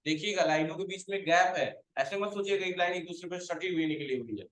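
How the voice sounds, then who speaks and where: A man's voice: sits high, fairly quick, fairly bright tone, roomy sound, rough recording. A male computer teacher giving a classroom lecture, quizzing his students, calling them to stand and scolding those who have not understood.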